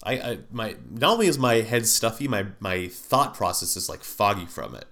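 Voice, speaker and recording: Here a podcast host with a fairly low, fairly bright voice talks in a sing-song manner at normal speed. He's stuffed up and nasal from a sinus cold, and his casual solo monologue meanders through many fillers and restarts.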